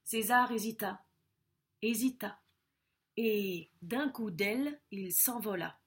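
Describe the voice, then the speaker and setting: A woman reading a children's picture book aloud as an audiobook, slow and expressive, with soft drops in her voice. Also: medium pitch, very noisy. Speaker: storyteller.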